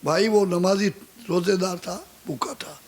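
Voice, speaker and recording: A pious older woman, calm and patient even under threat, as a male preacher acts her out in his own very high voice. She speaks gently and without fear. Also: a little slow.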